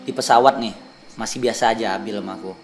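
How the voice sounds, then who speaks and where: A man's voice: fairly low pitch, quick pace, over music. A young man from Indonesia telling a ghost story to the camera in a casual vlog, acting out the voices of the people in it. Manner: animated storyteller, acts out quoted voices. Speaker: vlogger.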